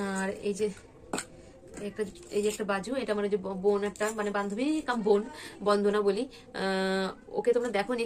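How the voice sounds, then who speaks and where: A woman's voice: mid-range voice, a little hiss or hum. A young woman from West Bengal chatting casually at home in a vlog, rambling with many fillers and restarts. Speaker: vlogger.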